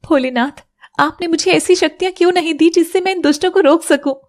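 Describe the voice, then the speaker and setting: A woman's voice: very high voice, fairly quick, pitched above the performer's own voice. A woman voicing the sorrowful spirit of a dead mother who became a serpent, pleading in a storybook drama. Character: grieving ghost mother, turned serpent.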